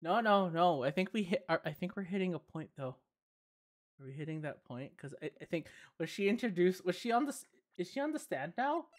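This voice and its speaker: A woman's voice: on the low side, lively intonation, fairly quick. A woman streamer chatting casually and ramblingly over a game, often correcting herself. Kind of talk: casual let's-play chat.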